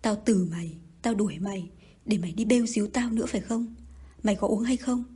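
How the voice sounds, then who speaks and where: A woman's voice: mid-range voice, steady tone, brisk, mellow, breathy edge. A woman voicing a harsh, threatening older male mandarin in an audiobook reading, hurling threats and insults. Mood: menacing.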